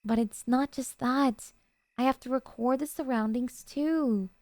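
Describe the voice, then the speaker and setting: A woman plays an adoring yandere girlfriend for ASMR, speaking softly and intimately in a voice that sits high, with a dark, mellow tone and slight creak. She's a little slow, sweet yet obsessive and possessive, and the recording is very dry and close.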